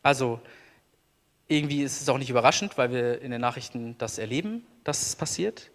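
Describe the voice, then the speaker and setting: A man preaching a sermon as pastor, earnest, slowing down to stress key words. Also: medium pitch, animated. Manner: earnest, slows down for emphasis. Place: church. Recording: long church reverb.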